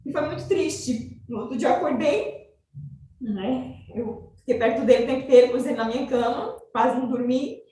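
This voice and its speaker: High-voiced mother, distant and roomy. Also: dark tone, a little hiss or hum. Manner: emotional, halting, many fillers. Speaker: mother giving testimony. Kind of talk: personal testimony in a webinar.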